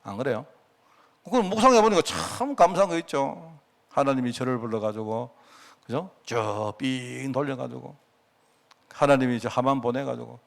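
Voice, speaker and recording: A man's voice: mid-range voice, normal speed, gravelly. A middle-aged man with a Gyeongsang Korean accent preaching a conversational prayer-meeting sermon, telling stories with frequent asides to the congregation. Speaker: pastor.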